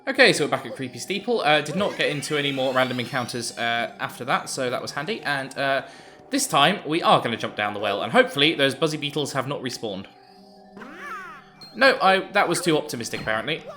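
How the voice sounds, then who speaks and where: A man's voice: mid-range voice, big pitch swings, fast talker, pushed and bright, faint music behind. A man giving casual, amused commentary over a video game playthrough, with frequent ums and uhs. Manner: chatty, amused, hesitant with many ums. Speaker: let's play commentator.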